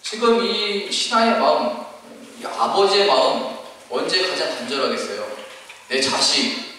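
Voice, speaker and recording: A male pastor in his thirties delivers a sermon with a bright, forceful voice, breaking into dramatic cries as he acts out biblical figures. He sounds set back from the mic in a long, echoing church hall with faint noise behind. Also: a little high, animated, measured pace, far from the mic.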